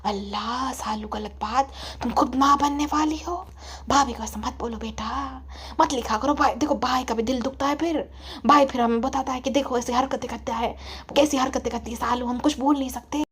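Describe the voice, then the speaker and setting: A woman voicing a middle-aged mother who gently scolds her daughter in a soft, half-whispered voice. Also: sits high, moderate pace, husky, full character voice. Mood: chiding.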